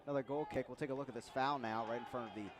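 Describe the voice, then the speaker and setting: A man's voice: mid-range voice, fairly even intonation, very fast. A man doing live play-by-play soccer commentary as an announcer. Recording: outdoor stadium noise behind. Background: outdoor stadium ambience.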